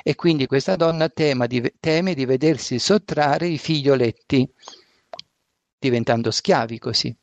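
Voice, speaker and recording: A man preaching a sermon and reading scripture aloud, reflective and asking rhetorical questions, with a gravelly voice. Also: mid-range voice, moderate pace, no echo.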